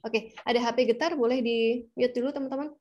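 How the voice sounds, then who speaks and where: A woman leading a live public speaking workshop, swinging her pitch up and down as she demonstrates intonation to her audience. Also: steady tone, a little fast, darkish tone, highs cut off.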